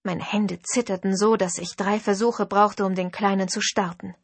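A woman's voice: mid-range voice, fairly even intonation, moderate pace, slightly rough, no echo. A woman narrating a first-person novel in an intimate storytelling manner. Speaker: audiobook narrator.

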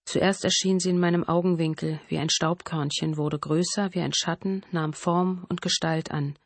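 A woman reading a first-person thriller audiobook in a measured, dramatic narrating manner. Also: lowish voice, steady tone, no echo.

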